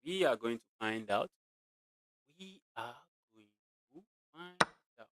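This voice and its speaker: Bright and forceful, yet slow-paced and animated, a Nigerian-accented chess streamer with a medium-pitched voice casually commentates his own game, thinking aloud, repeating phrases and chatting to viewers.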